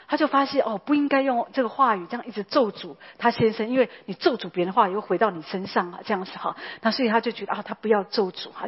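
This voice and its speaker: A woman's voice: mid-range voice, slightly rough, dull audio. A woman, a pastor's wife preaching a sermon in a chatty way, full of tag particles and fillers.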